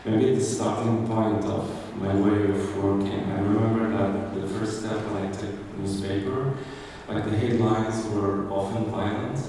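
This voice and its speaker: A man from Algeria giving a halting, hesitant talk about his art in a gallery, with frequent pauses and restarts. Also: lowish voice, mellow. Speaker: visual artist presenting his work. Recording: echoey hall, distant mic, ambient noise.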